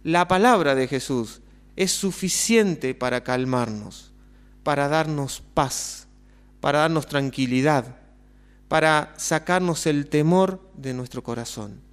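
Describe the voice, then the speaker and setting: A man preaching with a Rioplatense accent, his voice sitting a bit higher than most men's. He takes his time, unhurried and deliberate, and keeps posing rhetorical questions to the congregation. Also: clean tone. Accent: Rioplatense Spanish. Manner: measured, asks many rhetorical questions. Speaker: pastor. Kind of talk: sermon.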